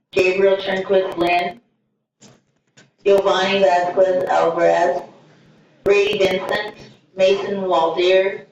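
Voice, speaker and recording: A woman's voice: medium pitch, a little hiss or hum. A woman making a school announcement over the intercom, formally reading out a list of names. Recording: echoey distant lo-fi intercom speaker.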